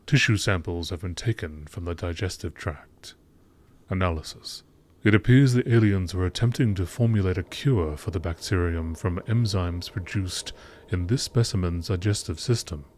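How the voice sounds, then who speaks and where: Reading game lore entries in formal, measured phrases reminiscent of scientific log notes, a man with a low, darkish voice narrates as though for a nature documentary, following his script closely.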